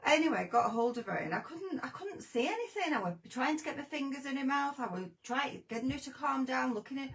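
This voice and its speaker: Flustered woman, gravelly edge. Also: high voice, expressive, fast, hardly any pauses, fairly bright tone, poor audio. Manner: flustered, rambling and chatty. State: shaken after a scare. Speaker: craft show host. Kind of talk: casual live-stream chat.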